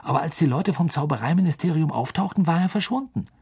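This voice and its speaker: A man voicing an eager schoolboy who shares news in a quick, hushed voice. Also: a little high, expressive, breathy edge, pitched above the performer's own voice, heavily acted. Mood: excited gossip.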